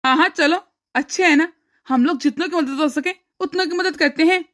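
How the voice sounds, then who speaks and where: A woman voicing a caring, agreeable young husband in a cartoon story, speaking in a gentle, reassuring way. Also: very high-pitched, a little fast. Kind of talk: cartoon voice acting.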